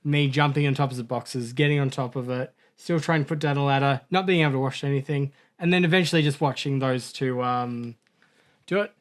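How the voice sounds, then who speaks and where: A gaming podcast co-host rambles casually through a story, correcting himself and laughing at his own mishaps. He speaks briskly in a medium-pitched voice with a steady tone.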